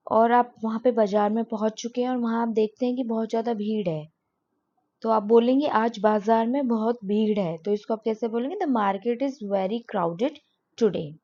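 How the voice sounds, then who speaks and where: Woman, English teacher, fairly high voice, mellow tone, patient slow examples, dull lo-fi sound. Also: steady tone. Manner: explains patiently, repeats example sentences slowly. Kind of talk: spoken English lesson.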